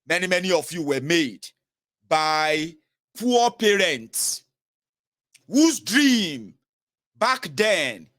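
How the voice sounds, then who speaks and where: Nigerian guy in his 30s, southern accent, kinda high voice, preachy commentary straight to camera, asks you stuff a lot. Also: big pitch swings, very slow, long pauses, a bit bright. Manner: emphatic, questions the viewer directly, mixes in pidgin. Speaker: political commentator.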